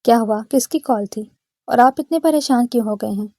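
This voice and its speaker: A woman's voice: a little high, mellow, dry recording, studio quality. A woman voicing a frightened, tender-hearted young woman who speaks anxiously. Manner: anxious, tearful.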